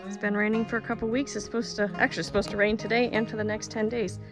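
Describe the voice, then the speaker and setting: A woman's voice: medium pitch, level tone, fast talker, over music, low-quality recording. A woman filming a casual garden tour on her phone outdoors, chatty and cheerful, exclaiming over her plants. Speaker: homesteading vlogger.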